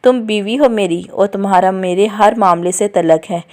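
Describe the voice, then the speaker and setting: A woman's voice: mid-range voice, moderate pace, lightly acted. A woman doing a cold, bossy young husband. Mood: cold commanding. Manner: curt, flat, commanding.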